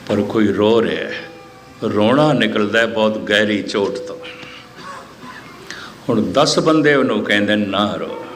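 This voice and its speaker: Low-voiced preacher, measured repetition. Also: male voice, faint music behind. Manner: measured, repetitive phrasing, quotes listeners in lively asides. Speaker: Sikh scripture preacher. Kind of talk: sermon. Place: gathering hall, abroad.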